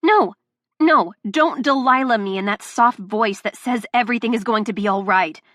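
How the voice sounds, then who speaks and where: In this audiobook dialogue, a female narrator plays a young woman on the verge of tears with rage, her shrill rant pushed loud and high. The pace is normal, and the studio recording is dry and clean.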